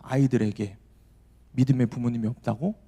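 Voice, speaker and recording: A man, a preacher, voicing the gentle, fatherly voice of God that speaks to him in prayer, low and soft. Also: steady tone, brisk, lightly acted. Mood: tender.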